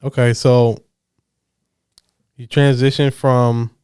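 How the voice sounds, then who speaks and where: A man hosting a podcast, asking questions in a relaxed way, laughing easily and using casual slang. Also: medium pitch, slow pace, clean tone, no room sound, studio quality. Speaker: podcast host. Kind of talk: casual interview conversation.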